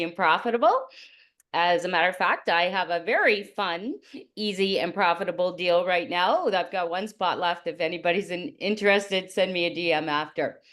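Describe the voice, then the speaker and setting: A woman's voice: fairly low pitch, a bit bright. A woman hosting a livestream interview, upbeat and enthusiastic as she welcomes her guest. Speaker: host.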